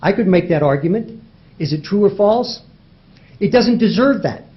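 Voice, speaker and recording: A man's voice: sits high, animated, moderate pace. A man arguing as a lawyer before a judge, pressing his points with rhetorical questions and emphatic repetition. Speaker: lawyer arguing in federal court. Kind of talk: courtroom oral argument. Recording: dull lo-fi courtroom audio.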